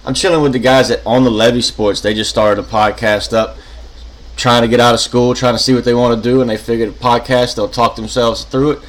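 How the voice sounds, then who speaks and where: A man's voice: medium pitch, level tone, a little fast, poor audio. A man hosting a sports podcast, speaking in a conversational way. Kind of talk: conversational sponsor read and sports chat.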